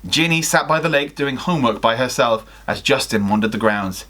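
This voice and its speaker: This young adult man's mid-range voice is pushed and bright, a little fast, with lively intonation. Reading listener fan fiction as a guest, he gives a theatrical performance that acts out the dialogue, recorded indoors in a small attic bedroom.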